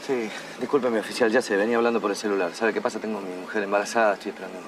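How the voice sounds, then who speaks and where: An actor playing a fast-talking Argentine son with a hustler's patter, quick and exasperated. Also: male voice, mid-range voice, animated, close to an everyday voice. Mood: pleading. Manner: rapid, wheeling-dealing, exasperated. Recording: film scene with road noise.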